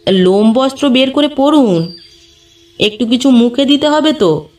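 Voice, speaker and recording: A woman's voice: high-pitched, lively intonation, unhurried, darkish tone, pitched above the performer's own voice. A woman voicing a proper old town widow. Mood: brisk, insistent. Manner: polished, precise, lightly insistent. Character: refined elderly town widow, brisk and proper. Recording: distant mic, faint background music.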